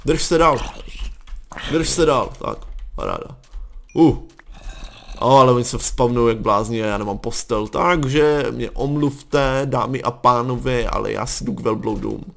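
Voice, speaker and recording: A man's voice: mid-range voice, gravelly, long pauses. A young man with a Czech accent, commenting on his own gameplay and breaking into startled yelps and swearing. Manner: excitable, jumps to yelps and curses when startled. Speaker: gaming channel host. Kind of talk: Let's Play commentary.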